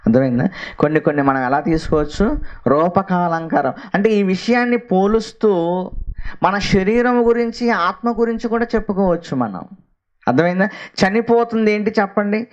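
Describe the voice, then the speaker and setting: A man preaching a Bible lesson in a slightly high voice, who keeps asking his listeners questions and then answers them himself. The recording sounds dull and lo-fi. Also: moderate pace. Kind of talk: Bible teaching sermon.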